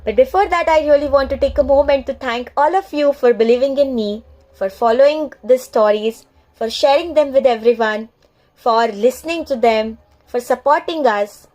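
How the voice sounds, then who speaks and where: High-voiced earnest Indian woman. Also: moderate pace, a little mellow, poor audio. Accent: Indian English. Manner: earnest and heartfelt, proud. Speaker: space science storyteller. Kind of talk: scripted storytelling vlog.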